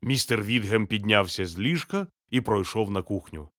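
A man narrating a children's storybook in a steady, measured, gently expressive reading. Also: on the low side, no room sound, clean studio sound.

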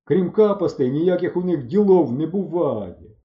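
A man voicing a loud, scornful village youth. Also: mid-range voice, sing-song, a little slow. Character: brash loud teenage village youth, mocking bully. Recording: roomy, slightly dull recording.

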